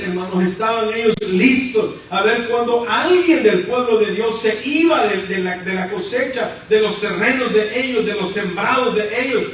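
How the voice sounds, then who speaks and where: A man's voice: high voice, fairly bright tone, slight background noise. A man preaching a fervent sermon to a congregation, constantly calling them brothers. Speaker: guest preacher. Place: church sanctuary. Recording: echoey church hall from far off.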